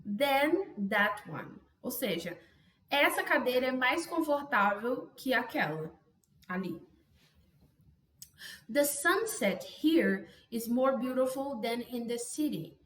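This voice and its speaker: A Brazilian woman teaching an English grammar lesson, chatty and casual, often adding quick tag questions. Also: high-pitched, lively intonation, a bit bright, reverberant. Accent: Brazilian Portuguese. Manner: chatty, self-interrupting, frequent "né?" tags. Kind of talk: online language lesson.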